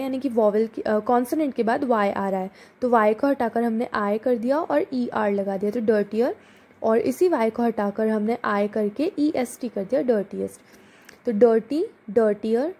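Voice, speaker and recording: A woman teacher takes a grammar lesson step by step. Her voice is mellow and a little husky, and it sits a touch high. She reads each rule slowly and then explains it. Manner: reads English rules slowly, then explains in Hindi and lists word forms.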